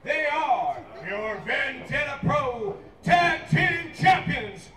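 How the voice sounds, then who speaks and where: Guy doing lucha libre style ring intros, really high shouty voice, slow drawn out names, echoey far off mic w music and crowd. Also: lively intonation. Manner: booming, theatrical, stretches out names. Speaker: ring announcer. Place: live wrestling event.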